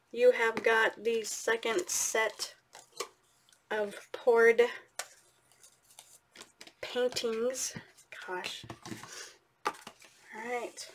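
A woman's voice: a little high, a little hiss or hum. A woman hosting a casual giveaway announcement, chatting informally and speaking straight to her viewers. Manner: chatty, informal, addressing viewers directly as "you guys". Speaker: host of an art channel giveaway. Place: indoors at a craft table, overhead camera.

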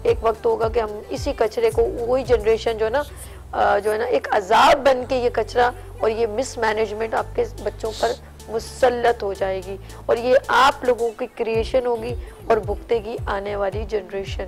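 A woman's voice: on the high side, steady tone, a little slow, faint music behind. A woman hosting a morning talk show, speaking earnestly and at length in a casual studio discussion. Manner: earnest, lecturing, talks at length.

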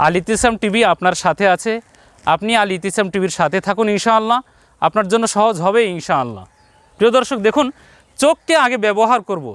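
High-voiced, lively man teaching reading. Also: dry recording. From Bangladesh. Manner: repeats points slowly, drawing out syllables for viewers; addresses viewers directly, encouraging. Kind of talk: televised Quran reading lesson.

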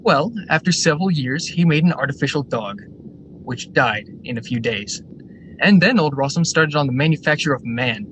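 A male actor in a radio drama plays a brisk, eager factory general manager, speaking formally and articulately with the eager energy of stage-style storytelling. The radio drama recording is noisy, with a steady rumble underneath.

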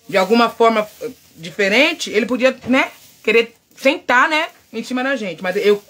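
A middle-aged Brazilian woman chatting loudly and outspokenly with her viewers, telling a story while she works. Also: a little high. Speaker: vlogger. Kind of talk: casual chat while painting a wig.

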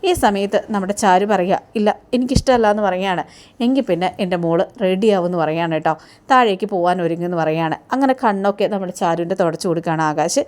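A woman's voice: on the low side, fast talker, a little mellow, clean tone. A woman telling what happens in an episode of a TV serial, chatty and casual. She restarts often and keeps tagging phrases with a little filler. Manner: retells the scenes, quoting each character's lines in her own voice; tags phrases with the filler "കേട്ടോ".

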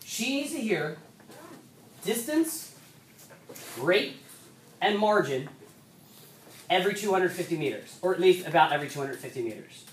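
With a fairly low, very animated voice, a female rowing coach teaches coxswains in a chatty talk, frequently restarting her sentences, leaning on "so," and speeding up in places. The recording comes from an echoey room with a far-off mic and faint background noise.

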